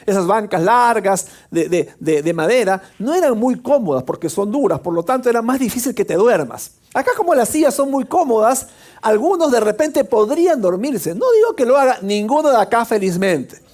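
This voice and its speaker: A middle-aged man preaching a sermon, full of rhetorical questions and emphatic pauses. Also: high voice, lively intonation, a little mellow. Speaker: pastor.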